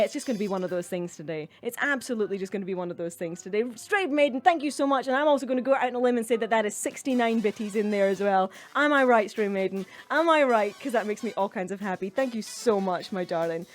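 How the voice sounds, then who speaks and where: A woman hosting a cabaret livestream in casual chat, effusively thanking viewers and calling them darling and sweetheart. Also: a little high. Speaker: cabaret host.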